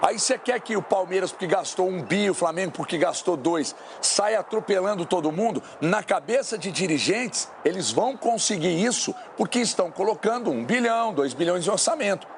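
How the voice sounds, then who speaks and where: Man, sports pundit, studio debate, emphatic, repeats himself, high voice. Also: animated, brisk, few pauses, a little hiss or hum. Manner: emphatic, repeats his points. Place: television studio.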